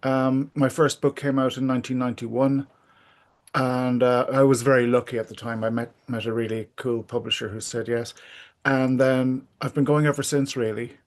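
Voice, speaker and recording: Speaking as an interview guest, this middle-aged or older man has a medium pitch and a flat delivery. He's casual and reflective, frequently stopping to think out loud.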